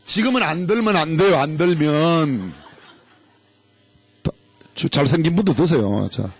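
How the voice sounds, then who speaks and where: A man's voice: on the high side, lively intonation, measured pace, breathy edge. A middle-aged male pastor preaching in a church, playfully leading the congregation through a game. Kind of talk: sermon. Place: church sanctuary.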